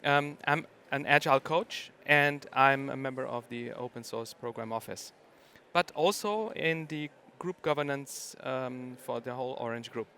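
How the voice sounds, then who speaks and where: A man's voice: mid-range voice, unhurried, bright, forceful tone, clean tone. A middle-aged man from Germany, giving a conference talk and hesitating often with ums and uhs. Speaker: conference speaker.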